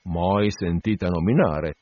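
A man's voice: deep voice, unhurried, no echo, pitched below the performer's own voice. A man voicing a sullen, irritable foreign ship's mate who answers curtly. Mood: grumpy. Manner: curt, sullen replies. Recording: dull lo-fi dry recording.

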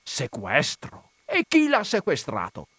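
An irascible old landowner bellows and protests in a high, strained voice, as a man reads him. The voice swings up and down with indignation. The sound is close and dry. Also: expressive, moderate pace, no room sound, close to an everyday voice. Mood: indignant. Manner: loud, indignant, high-pitched outbursts. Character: irascible rich old male landowner, shouting.

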